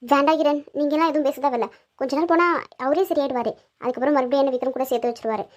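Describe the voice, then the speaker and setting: A woman voicing a gentle, subdued young woman in a cartoon who speaks in a soft, reassuring way. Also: sits high, steady tone, rapid-fire, lightly acted. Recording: dull lo-fi sound.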